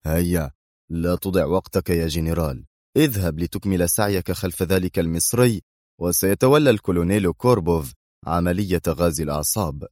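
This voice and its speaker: A man voicing a cold, commanding intelligence chief in an audiobook, deep and low-pitched. He clips out his orders curtly, in a dry, close sound. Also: a little fast, a little mellow, dry recording, natural voice. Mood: stern, commanding. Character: stern middle-aged male intelligence director.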